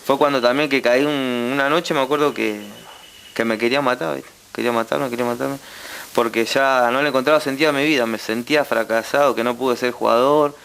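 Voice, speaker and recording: A young Argentine man with a Rioplatense accent giving a heartfelt personal testimony as a guest, halting and full of repeated tag questions. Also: medium pitch, fairly even intonation, creaky, fairly bright tone, a little hiss or hum.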